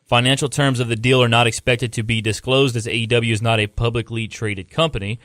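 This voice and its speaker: A man's voice: mid-range voice, steady tone, a little fast, fairly bright tone, no echo, clean studio sound. A man hosting a wrestling podcast, laying out the episode and reading a news article aloud in a laid-back way, stumbling over words. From Louisiana. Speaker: podcast host.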